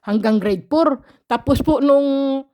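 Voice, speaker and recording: A woman's voice: high-pitched, slow, warm tone. Chatty older woman with a raised voice. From Philippines, raised partly in Mindanao. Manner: chatty, polite, frank, laughs often. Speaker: vlogger. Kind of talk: casual storytelling to viewers.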